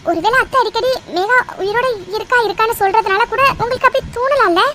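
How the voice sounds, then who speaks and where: A woman's voice: very high voice, fast talker, sharp tone, slight background noise. A woman voicing a caring, questioning young wife in a cartoon drama. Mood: puzzled. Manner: soothing, inquisitive.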